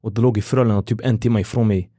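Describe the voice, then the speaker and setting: Animated fighter telling stories. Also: male voice, on the low side, dry recording, studio quality. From Sweden. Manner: animated storyteller acting out quoted dialogue, fillers like "du vet". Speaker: MMA fighter, guest. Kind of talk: casual storytelling interview. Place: podcast studio.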